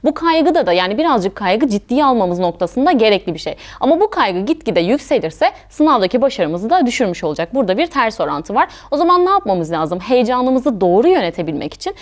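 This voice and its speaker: A woman guidance counselor giving calm, reassuring advice in an interview, explaining step by step. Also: a little high, brisk, hardly any pauses. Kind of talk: interview answers.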